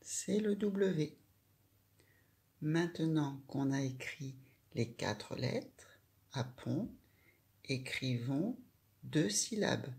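A woman's voice: rumbling low, creaky, dark tone. A woman teaching a child handwriting, giving patient step-by-step instructions.

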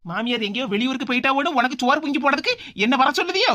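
A woman's voice: sits high, animated, bright, forceful tone. A woman voicing a sarcastic young daughter-in-law. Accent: Tirunelveli Tamil. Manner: quick, sarcastic retorts. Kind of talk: cartoon voice acting.

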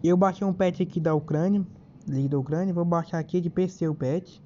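A Brazilian man with a fairly high voice gives a casual, chatty walkthrough, addressing viewers like pals. The audio is dull and lo-fi, like a phone screen recording. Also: fairly quick, dark tone, slight background noise. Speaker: tutorial host.

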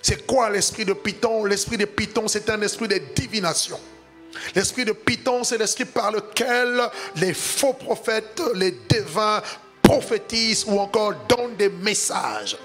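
A man's voice: high voice, unhurried, fairly bright tone, soft background music. A man pastor preaching a sermon in a sing-song cadence, climbing to emphatic peaks.

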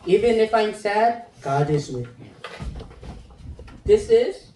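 A man in his thirties preaches to young people at an unhurried pace, his pitch rising and falling in lively swings. He acts out children's moods with playful voices as he talks into a handheld microphone. The sound is roomy and echoing, picked up from some distance, with a faint hiss behind it. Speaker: assistant pastor. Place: classroom in front of a chalkboard. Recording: roomy echo, mic heard from a distance.

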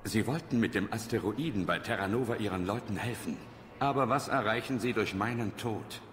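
Casting: resolute commander played by a man, fairly deep, authoritative and curt, for video game dialogue. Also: a little fast, fairly bright tone, close to an everyday voice. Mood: firm, persuading. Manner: terse, authoritative. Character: stern, commanding male military commander, resolute hero. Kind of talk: dramatic video game acting.

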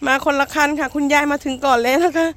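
High-pitched woman, playful mock-documentary narrator. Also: fairly even intonation, fast. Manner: playful, mock-earnest presenting with polite sentence endings. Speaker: host and narrator of a homemade comic skit. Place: outdoors in a rural garden. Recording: noisy outdoor amateur recording.

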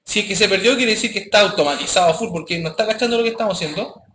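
A man's voice: high voice, racing, sharp tone. A man teaching a live programming class, talking casually and checking in with his students often. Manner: casual, addresses students directly with frequent checks. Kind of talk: live classroom coding lesson. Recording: echoey classroom with faint noise.

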